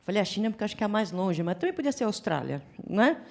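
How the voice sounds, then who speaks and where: A woman giving a psychology lecture at a forum, chatty and animated, acting out little scenes as she talks. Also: medium pitch, fast talker, vocal fry. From Brazil. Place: lecture hall.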